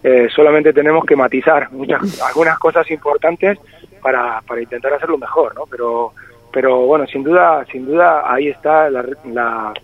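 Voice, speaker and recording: Speaking at a moderate pace with a medium-pitched voice, a singer-songwriter in his forties gives a reflective phone interview full of hesitations. Born in Spain, he has a slightly Argentine-tinged Spanish accent, and the call sounds tinny and dry.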